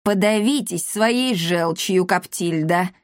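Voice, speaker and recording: A pompous old village elder in a storybook tale, quick to take offence and full of wounded whining, as a woman narrator puts him on. His complaints come out clipped and dry, close to the mic. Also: medium pitch, darkish tone, dry recording, natural voice. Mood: aggrieved. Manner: indignant, whining, aggrieved.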